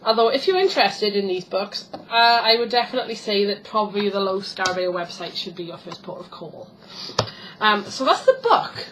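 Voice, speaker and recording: A woman talks her way through an unboxing at home, chatty and a little rambling, stopping to correct herself. Her voice sits at an ordinary middle pitch, and faint room ambience hums behind her. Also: expressive, moderate pace, a bit bright, slight background noise, poor audio. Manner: chatty and rambling, many ums and self-corrections. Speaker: tarot vlogger. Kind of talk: casual unboxing chat.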